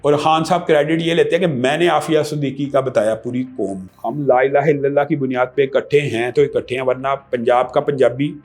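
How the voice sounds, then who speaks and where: A man's voice: medium pitch, fairly even intonation, few pauses, a little mellow, faint music behind. A man from Pakistan, a religious scholar answering interview questions emphatically and often asking rhetorical questions.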